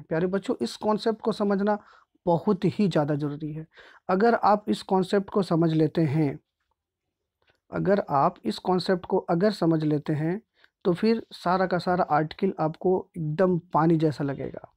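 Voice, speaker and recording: A man's voice: high voice, darkish tone. A man teaching a grammar lesson step by step. He speaks patiently, repeats points, and often checks in with his pupils.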